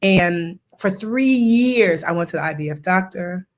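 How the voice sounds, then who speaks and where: A woman's voice: on the low side, expressive, unhurried. A woman in her forties hosting a live session, talking casually and animatedly, telling stories and acting out quoted voices. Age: 40s. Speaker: host. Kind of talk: casual live coaching talk.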